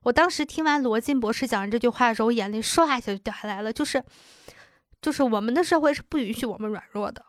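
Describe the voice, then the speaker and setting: A woman's voice: on the high side, quick pace, dry recording, studio quality. A woman in her thirties co-hosting a casual chat, telling stories and acting out quoted lines. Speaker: podcast co-host.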